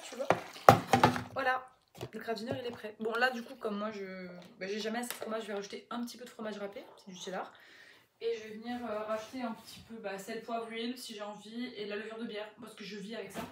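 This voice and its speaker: A young woman from Quebec talks casually into her phone while she cooks, rambling and swearing, in a slightly high voice. Her accent moves between French and Québécois. The kitchen sounds echoey, and a steady noise runs underneath. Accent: mixes French and Québécois accents. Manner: chatty, rambling, swears freely. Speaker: vlogger. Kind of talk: casual chat while cooking. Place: home kitchen. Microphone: phone camera.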